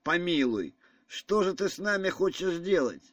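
A man putting on a loud excitable old general. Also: fairly high pitch, moderate pace, no room sound, voice pushed up. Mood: vexed. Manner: excitable, insistent. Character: agitated pushy elderly general, man.

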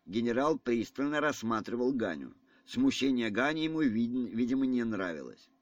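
A man narrating an audiobook in a measured, even reading manner. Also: medium pitch, no echo, muffled recording. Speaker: audiobook reader. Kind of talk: scripted narration.

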